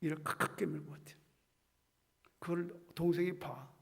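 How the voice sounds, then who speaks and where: A middle-aged man preaching a sermon as pastor. He acts out Bible dialogue and swings between loud lines and hushed ones. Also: on the high side, steady tone, unhurried, gravelly, slight background noise.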